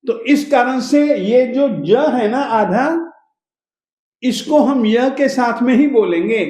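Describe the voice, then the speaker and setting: High-voiced man teaching slow recitation. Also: warm tone, reverberant. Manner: spells out syllables and repeats words slowly; chants the verse in a sing-song voice. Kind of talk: slow pronunciation lesson of a Sanskrit hymn.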